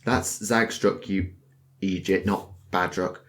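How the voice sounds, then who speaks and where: A man's voice: deep voice, steady tone, slow pace, fairly bright tone. A man chatting casually on a podcast panel, rambling and self-deprecating, swearing now and then. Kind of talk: casual chat.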